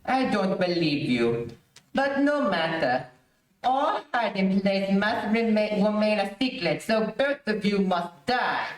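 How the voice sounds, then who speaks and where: In a 1930s-style old radio serial, an actor declaims commands as an imperious, stern rebel prince, sounding commanding. His medium-pitched voice is slow and sing-song, caught by a distant microphone in an echoey room.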